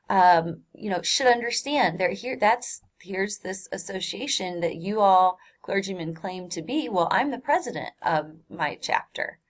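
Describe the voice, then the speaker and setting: Woman teacher chatting through a text for an online class, casual, lots of ums and likes. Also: mid-range voice. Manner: casual, chatty explaining with many fillers. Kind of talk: recorded online lesson walking through a text.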